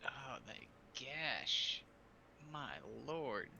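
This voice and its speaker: Bright, excitable guy friend. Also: mid-range voice, drawn-out words, a little hiss or hum. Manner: excitable, blunt, swears casually. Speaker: friend on call. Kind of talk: casual chat.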